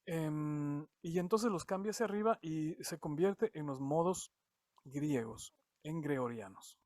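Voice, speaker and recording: A man from Latin America giving an online music theory lesson, halting and often repeating words as he explains. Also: a little high, darkish tone, dry recording, clean studio sound. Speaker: music teacher.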